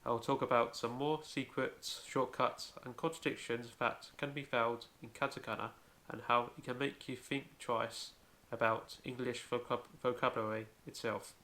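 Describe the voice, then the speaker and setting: A man with a gravelly, creaky voice at a middle pitch teaches a home-made language lesson. He explains carefully, one step at a time, and often opens with "so". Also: fairly even intonation, moderate pace, few pauses, sharp tone. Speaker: language video host.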